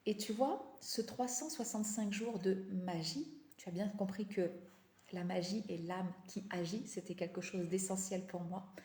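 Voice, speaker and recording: A tired woman with a slight lisp and slushy s sounds chats motivationally on a live stream, repeating phrases for emphasis in a halting way. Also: medium pitch, warm tone. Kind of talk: casual motivational live chat. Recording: echoey, roomy sound.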